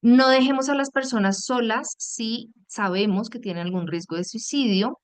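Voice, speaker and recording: A woman's voice: fairly high pitch, normal speed, smooth, no echo. Woman psychologist, webinar lesson, acts out example lines, dry close sound. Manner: affectionate, acts out example phrases, calls listeners "mis amores". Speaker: psychologist and coach giving a webinar. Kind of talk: webinar teaching.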